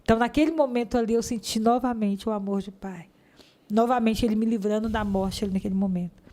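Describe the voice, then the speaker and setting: A woman with a Brazilian Portuguese accent giving a fervent, heartfelt religious testimony in an interview, her pace swinging between rushed and slow. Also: on the high side, dark tone.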